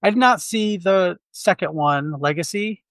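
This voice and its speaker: This Quad City area film podcast co-host talks about movies in a loose, candid ramble, often restarting his sentences. He sits high in pitch with a fairly bright tone, keeps a measured pace, and there's no room sound.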